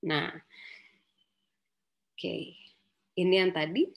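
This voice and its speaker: Chatty woman psychologist explaining warmly. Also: on the low side, steady tone, extremely slow, vocal fry, highs cut off. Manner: conversational, many fillers and rhetorical questions; acts out quoted dialogue in livelier voices. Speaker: child psychologist speaker. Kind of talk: casual educational talk.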